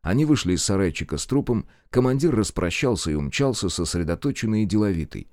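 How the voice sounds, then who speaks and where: A man narrating a war story in an expressive, measured reading. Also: on the low side, no room sound. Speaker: audiobook narrator. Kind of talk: scripted narration.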